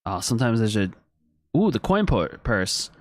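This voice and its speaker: This streamer's fairly low voice swings widely in pitch as he talks at normal speed with no echo. He's doing casual let's-play commentary, reasoning aloud, chatting with viewers, and reading text off the screen while he plays.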